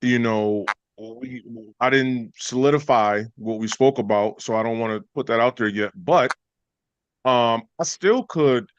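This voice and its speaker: A man co-hosting a casual podcast, speaking in a hesitant, measured way over a dull lo-fi line. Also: mid-range voice, clear, resonant tone, no echo. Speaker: podcast co-host. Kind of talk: casual chat.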